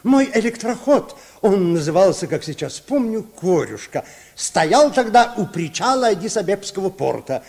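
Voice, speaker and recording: A boastful, aged baron in a vintage radio play. The voice sits high and swings widely, grandiose and theatrically aggrieved. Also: male voice, big pitch swings, moderate pace, few pauses, a little mellow. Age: older. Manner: grandiose, mock-aggrieved, exaggerating. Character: Baron Munchausen, boastful, theatrical old tall-tale teller. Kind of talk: Soviet radio play acting.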